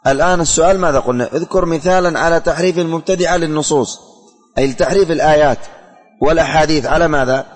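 A man's voice: on the high side, rapid-fire, soft background music. Man teaching a class in a reverberant hall. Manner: repeats questions, drills students. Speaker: teacher of religious doctrine. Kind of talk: classroom quizzing lesson.

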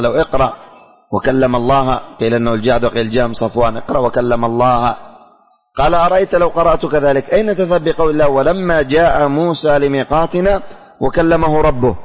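Man teaching a class in a reverberant hall. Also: mid-range voice. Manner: repeats questions, drills students. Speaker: teacher of religious doctrine. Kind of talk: classroom quizzing lesson.

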